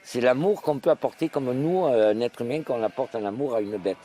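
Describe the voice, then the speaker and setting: Mellow-voiced man, a sheep farmer, speaking haltingly. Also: medium pitch. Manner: halting, repeats phrases. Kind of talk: spontaneous interview testimony. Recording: noisy outdoor location recording. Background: bleating sheep and outdoor ambience.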